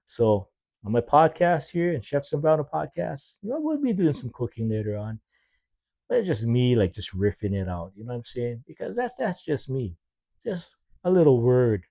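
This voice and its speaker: A man's voice: mid-range voice, dark tone, no echo. A chef in his sixties from Hawaii, hosting his own podcast in a casual, rambling, folksy monologue that he aims straight at his listeners. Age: 60s.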